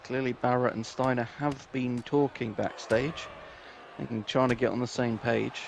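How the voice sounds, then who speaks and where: Gravelly male game commentator. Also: mid-range voice, fairly even intonation, unhurried. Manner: joking, swears, laughs often. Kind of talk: casual play-by-play commentary. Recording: noisy background hiss.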